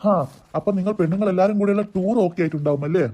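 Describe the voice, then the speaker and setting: A man's voice: high voice, warm tone. A man voicing a teasing, stingy father and husband in a cartoon. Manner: teasing, brisk.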